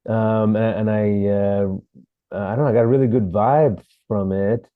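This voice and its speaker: A man from Sri Lanka, an actor, telling his story as a podcast guest in a relaxed way, with fillers. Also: lowish voice, measured pace, no room sound, phone-quality sound. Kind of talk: interview.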